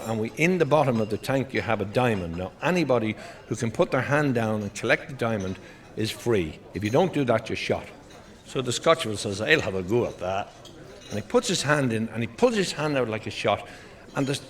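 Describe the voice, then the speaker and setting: A man's voice: mid-range voice, animated, fairly quick. An Irish man doing stand-up, rattling off one-liners and short joke stories and acting out the characters in them. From Ireland. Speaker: stand-up comedian.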